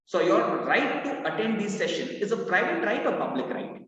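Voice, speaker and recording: Speaking Indian-accented English at a moderate pace, this man mentors students for law entrance exams in a live online class, loud and lively, mixing in Hindi and reading their answers aloud. His voice sits high, and the dull, distant, echoey, roomy audio carries slight background noise.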